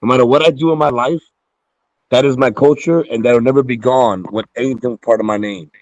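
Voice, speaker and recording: A man's voice: medium pitch, a little fast, a little mellow, dry recording, poor audio. A man from Puerto Rico hosting a call-in stream, debating heatedly, repeating words as he starts and swearing freely.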